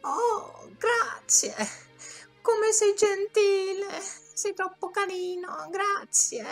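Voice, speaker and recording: A pleading young Sicilian damsel in a film parody. The voice is extremely high and shrill, bright and timid, with music behind. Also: male voice, extremely slow, exaggerated voice. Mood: grateful. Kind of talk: comic dialect film dub.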